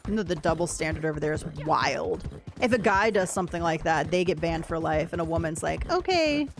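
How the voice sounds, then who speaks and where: A woman's voice: deep voice, a little fast, gravelly, over music. A woman chatting casually and informally as she livestreams a game, raising her voice a little to be heard, with some casual swearing. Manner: raises voice to talk over rain. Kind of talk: casual livestream chat while gaming. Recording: steady background noise, game rain ambience. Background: game audio with rain.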